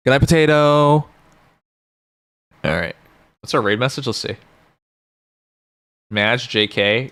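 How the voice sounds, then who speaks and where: A man's voice: medium pitch, fairly bright tone, no room sound. A man hosting a livestream, chatting informally and jokingly with his viewers into a close microphone. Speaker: live streamer, host. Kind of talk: casual livestream chat with viewers.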